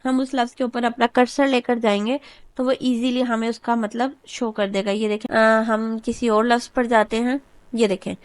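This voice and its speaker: Female computer tutor, patient and methodical, repeats herself often, slightly higher voice, dry close sound. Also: flat delivery, moderate pace, dry recording. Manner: patient step-by-step explaining, often repeats "okay, done". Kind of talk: screen-recorded software lesson.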